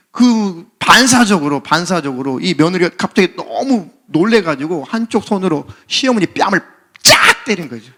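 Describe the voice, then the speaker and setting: A man's voice: high-pitched, animated, normal speed, sharp tone. A man preaching as senior pastor, telling a story animatedly and acting out its characters. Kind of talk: sermon.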